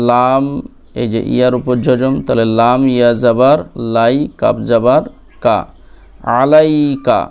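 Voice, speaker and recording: A man teaching recitation, spelling out syllables one by one and repeating each word slowly. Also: mid-range voice, gravelly, darkish tone, clean tone, lo-fi sound. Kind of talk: letter-by-letter recitation lesson.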